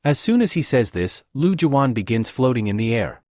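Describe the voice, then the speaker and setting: A man narrating a comic recap in an even, storytelling delivery. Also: medium pitch, fairly quick, dry recording, studio quality.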